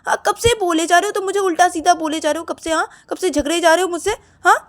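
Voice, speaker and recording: A defiant young woman who talks back loudly and indignantly, tossing every question back at her opponent, as a woman storyteller puts her on. Her pitch is raised high and she stays at full volume. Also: fairly even intonation, fast.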